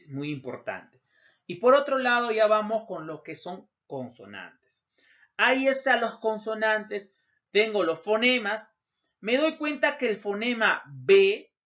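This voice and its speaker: A man's voice: sits high, a bit bright. A man teaching a recorded lesson over slides, emphatic, repeating key terms and letting his phrases drop off at the end. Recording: dull lo-fi recording.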